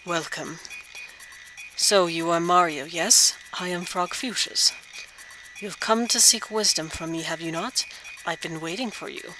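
A woman voicing an old, wise, kindly male frog sage from a video game, speaking in measured, formal phrases. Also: on the low side, music in the background, lightly acted, low-quality recording. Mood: solemn welcoming. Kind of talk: video game dialogue read aloud.

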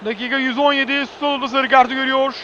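A man commentates live football in a strikingly high, forceful voice. He fires off clipped phrases and repeats names emphatically, breaking into excited shouting at key moments. Faint noise sits behind him. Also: fast talker, muffled recording.

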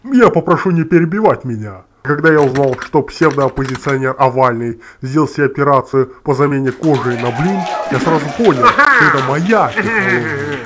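A man's voice: a little high, expressive, moderate pace, hardly any pauses, natural voice. A man voicing a self-satisfied young cat scientist, explaining formally and pompously in a noisy parody cartoon. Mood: smug, matter-of-fact. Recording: noisy home-made cartoon soundtrack.

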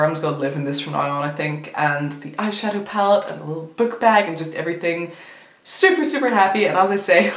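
Chatty woman in echoey room. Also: fairly low pitch. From United Kingdom. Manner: chatty, giggly, many fillers. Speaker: vlogger. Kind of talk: casual haul video. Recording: echoey room, faint noise.

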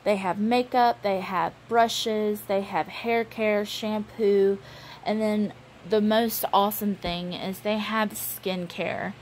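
A woman's voice: medium pitch, slow, a little hiss or hum, rough recording. A woman, chatting casually through a show-and-tell vlog with lots of ums. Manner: chatty, relaxed, many ums. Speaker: beauty vlogger.

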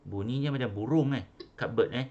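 A man with a Malaysian accent teaches an online English class, coaching pronunciation by repeating phrases, correcting stress, and switching into Malay. His voice is medium-pitched and he talks fast, while the highs are cut off and crowd noise runs underneath.

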